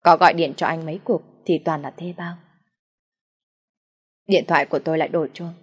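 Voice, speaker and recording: A woman narrating a first-person story in a sad, steady reading voice. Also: low-pitched, brisk, husky, big-room sound.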